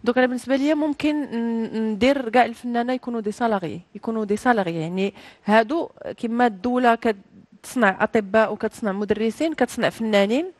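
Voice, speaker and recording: Quick, chatty Moroccan woman. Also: on the high side, no echo. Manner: animated, laughs often, mixes in French. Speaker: guest, actress. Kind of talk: casual interview.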